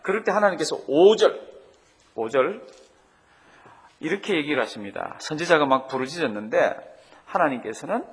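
A man preaches a Bible study in a church hall, his slightly high, husky voice rising and falling with lively animation. Long reverb trails behind every phrase, and he keeps calling the congregation to read aloud with him. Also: moderate pace, pauses often. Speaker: pastor.

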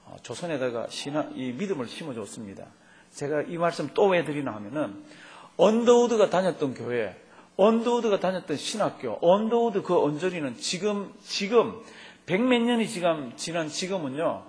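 Lively, animated male pastor. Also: fairly high pitch. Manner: lively storytelling, acts out dialogue in quotes. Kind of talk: sermon.

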